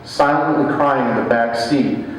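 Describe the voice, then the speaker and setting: A man's voice: mid-range voice, a little slow. A man reading a first-person story aloud at a live event, expressively acting out the quoted lines. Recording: echoey hall, distant mic, faint hum.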